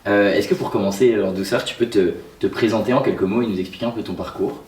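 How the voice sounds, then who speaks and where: A man conducts an interview in a relaxed, informal manner with a lowish voice. He sounds distant from the mic. The room around him is echoey. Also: fast. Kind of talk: casual interview questions.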